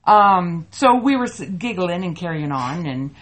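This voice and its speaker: Lively middle-aged woman telling stories. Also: fairly low pitch, measured pace. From Canada. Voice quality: animated, laughing through funny stories. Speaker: podcast co-host. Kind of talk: casual storytelling chat.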